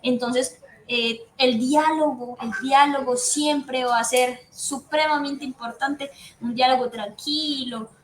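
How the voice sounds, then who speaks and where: A woman psychiatrist, giving an earnest, explanatory talk to patients' families and repeating her key points. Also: on the high side. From Colombia. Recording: echoey room with faint background noise.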